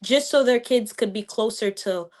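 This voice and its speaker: A young adult woman from the United States joins a casual live-stream chat as a guest, talking animatedly and switching between Haitian Creole and English. Her voice is fairly high and darkish in tone, at a moderate pace.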